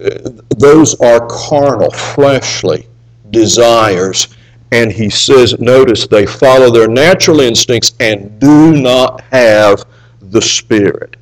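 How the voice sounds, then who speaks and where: A man preaching a sermon, reading scripture aloud and swinging between raised emphasis and hushed asides. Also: mid-range voice, slow pace, low-quality recording.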